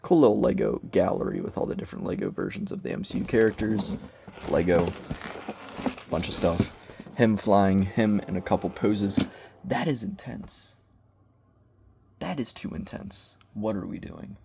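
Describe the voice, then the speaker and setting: A man's voice: deep voice, steady tone, normal speed, creaky, background noise. A young man vlogging from his bedroom, rambling awkwardly and joking at his own expense in loose slang as he reviews a toy. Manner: awkward, self-deprecating, slangy. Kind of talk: casual rambling vlog. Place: bedroom with bookshelves.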